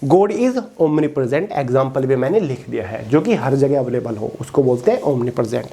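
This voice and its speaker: A man teaching exam vocabulary in an online lesson, explaining each word and reading its English definition out slowly. He keeps checking in with his listeners as friends. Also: mid-range voice, lively intonation, creaky, dark tone.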